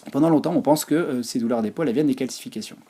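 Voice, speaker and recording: A man's voice: medium pitch, very fast, dark tone, slightly rough. A man presenting a physiotherapy talk over slides, hesitant, with many fillers and restarts. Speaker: physiotherapy lecturer.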